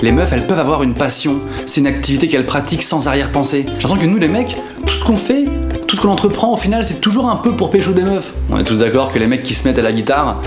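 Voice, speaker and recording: A man's voice: fairly high pitch, lively intonation, quick pace. A young man from northern France, a comedian hosting a sketch monologue in a casual, slangy, self-mocking way. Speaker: comedian host. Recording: roomy sound with background music.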